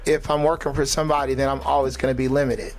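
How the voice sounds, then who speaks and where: A man hosting a casual interview, enthusiastic, with lots of quick affirmations. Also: medium pitch, level tone, soft background music. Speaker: podcast host.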